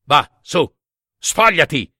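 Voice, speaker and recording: A man voicing an old peasant father, seething with restrained fury that breaks into shouts, in a dramatized story reading. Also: on the high side, big pitch swings, slow pace, no echo, studio quality, full character voice. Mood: indignant.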